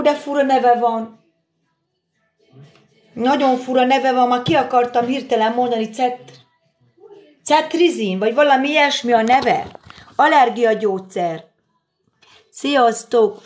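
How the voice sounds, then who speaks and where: Middle aged woman chatting away on a phone live stream from a kitchen, thanking everyone as she cooks, voice a bit on the high side. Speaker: livestream host. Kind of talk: casual live-stream chat while cooking. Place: home kitchen at her daughter's. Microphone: phone camera.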